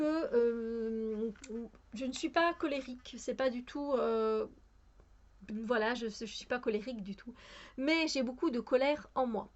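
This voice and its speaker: Belgian woman, slightly high voice, casual hesitant book-haul chat, lo-fi sound. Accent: Belgian French. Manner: hesitant, many fillers and restarts. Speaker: book vlogger.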